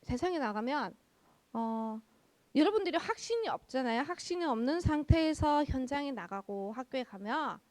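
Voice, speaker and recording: A young woman pastor giving a children's sermon, lively, asking the kids questions and answering them herself. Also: sits high, moderate pace, dry recording.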